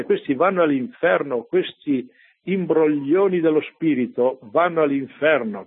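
A man's voice: on the high side, slightly rough. A man who is a priest, preaching a homily in a conversational way and often turning to his listeners with rhetorical asides. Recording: tinny lo-fi radio broadcast.

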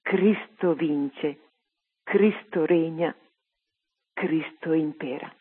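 Lady reading a story on the radio, kinda husky, tinny phone line. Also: sits low, extremely slow. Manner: steady storytelling read-aloud. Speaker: reader on religious radio. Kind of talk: reading a martyr story aloud.

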